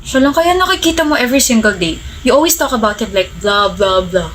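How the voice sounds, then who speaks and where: A woman doing a soft-spoken college guy friend. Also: a little high, expressive, a little fast, a little hiss or hum, poor audio. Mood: gentle. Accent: Filipino. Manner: gentle, soft-spoken, teasing. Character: kind, teasing young male college friend.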